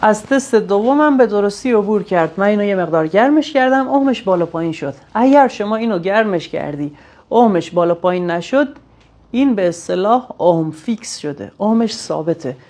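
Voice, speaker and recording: Animated and a little mellow, a mid-range female voice belongs to a technician showing how to test sensors. She explains each step of the hands-on tutorial in plain terms, thinking aloud as she goes.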